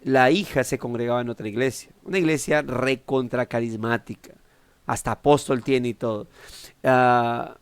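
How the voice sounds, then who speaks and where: A man's voice: smooth, no room sound. A man preaching a devotional sermon in a conversational way. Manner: conversational, acts out quoted people with shifting pitch.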